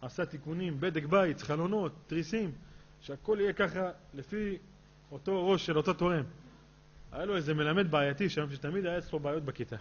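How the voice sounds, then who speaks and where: A man, a rabbi, telling a story in a sermon and acting out his characters' dialogue in a lively way. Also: on the high side. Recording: dull lo-fi recording with faint hum.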